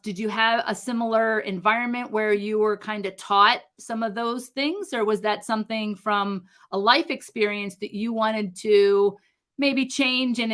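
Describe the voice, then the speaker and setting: Woman host, bright, forward voice, pitched a little high, encouraging. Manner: encouraging, affirming questions. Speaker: podcast host. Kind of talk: interview hosting.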